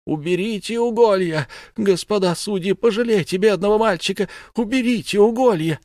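A man's voice: sits high, normal speed, a little mellow, no room sound, studio quality, pitched above the performer's own voice, close to an everyday voice. A man reading an audiobook voices a widowed peasant mother who wails and pleads desperately with the judges. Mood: frantic wailing. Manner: wailing, sobbing cries and desperate pleas.

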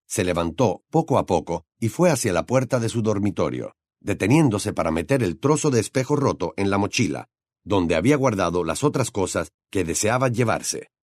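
A man narrating an audiobook in an expressive storytelling style. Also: on the low side, normal speed, dry recording, studio quality.

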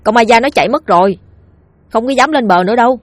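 A woman's voice: a little high, quick pace, no echo, pitched above the performer's own voice, natural voice. A woman voicing a bold young boy ghost hunter, urging and commanding in a raised voice. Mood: coaxing. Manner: urgent, commanding.

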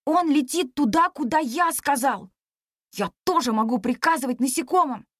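A woman's voice: sits high, animated, moderate pace, dry recording, clean studio sound. Woman doing an eager little monkey boy. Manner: eager, whispering, boastful. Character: excitable monkey boy, son of monkey king.

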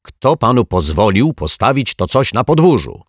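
A man's voice: fairly low pitch, lively intonation, normal speed, no echo, studio quality, voice pushed up. A man doing a fussy scolding neighbour.

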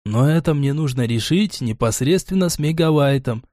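A man's voice: fairly high pitch, expressive, a little mellow, no echo, clean studio sound, lightly acted. A man reading an audiobook, voicing a patient, pedantic male gnome bookmaker who speaks formally and precisely. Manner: polite, formal, measured. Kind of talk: audiobook character voice.

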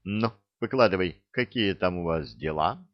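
A man voicing a stern, irritable tsar with a gruff, commanding manner, in an audiobook. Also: low voice, animated, moderate pace, no echo, muffled recording.

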